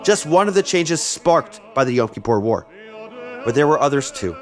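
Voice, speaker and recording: A man narrates a history podcast from a script and slips in wry, chatty asides. His voice sits at an ordinary middle pitch. Faint music plays behind him. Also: very animated, moderate pace. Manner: wry, conversational. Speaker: podcast host.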